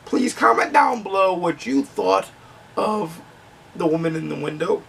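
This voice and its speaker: A man's voice: sits high, expressive, unhurried, vocal fry, a bit bright, slightly rough, distant mic. A man giving a frank, conversational book review with ums and restarts, his voice starting to crack.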